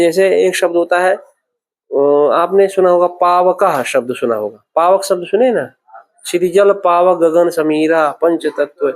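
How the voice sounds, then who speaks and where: A man teaching Sanskrit grammar in a classroom, patiently repeating words and checking that students follow. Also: fairly high pitch. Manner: patient, repeats words slowly, asks "okay?" often. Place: classroom at a temple centre.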